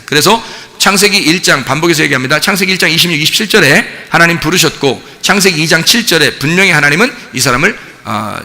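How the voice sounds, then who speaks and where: Male pastor, sermon, gravelly forceful voice, long church-hall reverb. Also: a little high. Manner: animated preaching, acting out a parent and child with laughs. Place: church sanctuary.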